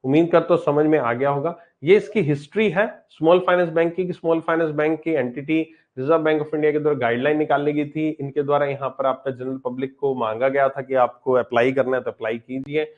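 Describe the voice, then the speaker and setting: A man's voice: fairly high pitch, steady tone, brisk, hardly any pauses, narrow, tinny audio. A man teaching a banking exam class live online, talking casually and answering students' chat questions as he goes.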